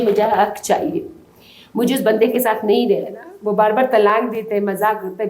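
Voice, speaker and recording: A woman's voice: medium pitch, darkish tone. A woman from Balochistan in Pakistan, giving urgent, distressed testimony to a reporter. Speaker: interviewee. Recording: roomy echo.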